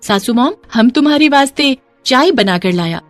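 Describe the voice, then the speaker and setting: A woman voicing a naive young foreign bride who speaks broken, ungrammatical Hindi in a high, childlike voice. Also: expressive, moderate pace, soft background music. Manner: broken Hindi grammar, wide-eyed.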